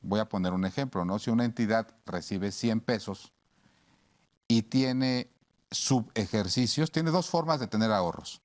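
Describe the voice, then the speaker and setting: A Mexican man with a low voice hosts a radio talk program. He explains slowly and patiently, stopping to restart his sentences and reaching for everyday comparisons. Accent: Mexican Spanish. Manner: hesitant, many restarts and fillers, explains with homely examples. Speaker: radio show host. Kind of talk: explanatory talk show conversation.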